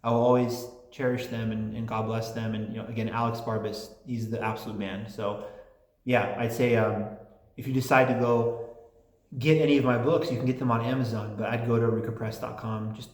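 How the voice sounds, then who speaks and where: A man who speaks English and Polish as first languages hosts his own channel, reading listener letters aloud and answering them in a chatty, rambling style full of restarts. His medium-pitched voice is a bit fast and darkish, with little pitch movement, and the sound is reverberant.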